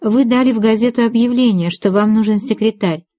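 A woman reading the lines of a sharp-tongued young woman in an audiobook, ironic and snappy. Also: fairly high pitch, a little fast, dry recording, studio quality, pitched above the performer's own voice, natural voice. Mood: indignant.

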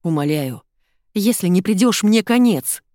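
A woman's voice: mid-range voice, lively intonation, a little slow, dark tone, no echo, clean studio sound, lightly acted. A woman voicing a panicky young man begging. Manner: begging, whining. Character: frightened young man pleading for help.

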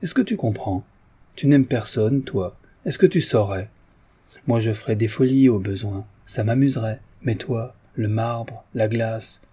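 A man's voice: lowish voice, measured pace, mellow, slightly rough. A man voicing a playful, chatty young woman. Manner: teasing, flighty chatter.

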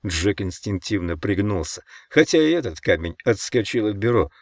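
A man narrating an audiobook in a measured, dramatic reading. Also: on the low side, big pitch swings, dry recording, clean studio sound. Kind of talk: scripted narration.

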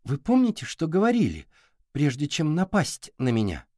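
A man's voice: a little high, wildly swooping pitch, normal speed, a little mellow, no echo, clean studio sound. A man voicing a determined young girl inventor who presses with eager questions.

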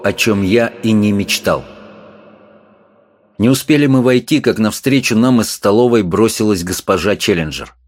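A man reading a novel aloud as an audiobook narrator, expressive and literary. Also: lowish voice. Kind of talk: scripted narration.

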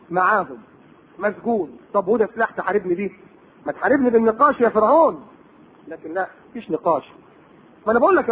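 A man's voice: very high-pitched, husky. A man with an Egyptian accent giving a religious lecture, full of rhetorical questions and sarcastic asides. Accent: Egyptian Arabic. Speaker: preacher. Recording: tinny lo-fi tape recording.

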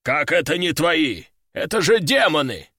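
A man voicing a flustered, panicky middle-aged army general who yells and accuses. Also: a little high, very animated, unhurried, slightly rough, no room sound, studio quality, heavily acted. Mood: furious.

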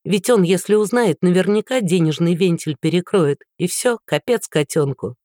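A woman voicing a sharp-tongued, scornful young woman who answers with biting mockery. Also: fairly low pitch, moderate pace, no room sound, studio quality, lightly acted. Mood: mocking. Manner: mocking, biting.

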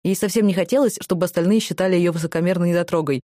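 A woman reading scripted audiobook narration in an even storytelling way. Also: fairly low pitch, racing, no room sound, clean studio sound.

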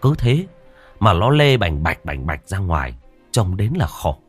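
A man narrating a ghost story in a dramatic, lively storytelling manner. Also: low voice, normal speed, husky, soft background music.

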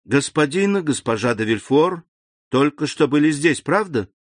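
A man's voice: fairly high pitch, expressive, normal speed, no echo, clean studio sound, voice pushed up. A man reading an audiobook, voicing an anxious young woman who pleads with her grandfather. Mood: pleading.

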